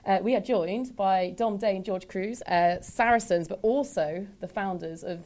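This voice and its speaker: A woman's voice: mid-range voice, moderate pace, darkish tone. Chatty woman podcast host. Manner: chatty, upbeat introductions with fillers. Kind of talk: casual podcast interview.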